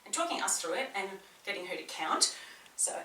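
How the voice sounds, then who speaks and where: A personal trainer with a slight New Zealand accent talks a beginner through a workout, chatty, encouraging, and hardly pausing. Her medium-pitched voice is very animated, fairly quick, pushed and bright, with a little hiss or hum. Recorded by a distant mic in a small indoor room, it carries roomy echo and faint ambience.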